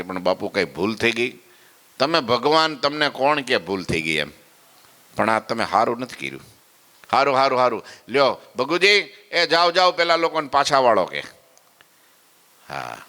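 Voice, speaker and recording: A man's voice: medium pitch, pushed and bright, big-room sound. A man telling a devotional story as a preacher, acting out the characters and asking listeners questions. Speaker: katha preacher.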